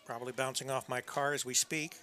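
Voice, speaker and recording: A man giving conversational, unscripted play-by-play softball commentary with folksy asides. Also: mid-range voice, fairly even intonation, brisk. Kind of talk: unscripted live sports commentary. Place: press box at a college softball field.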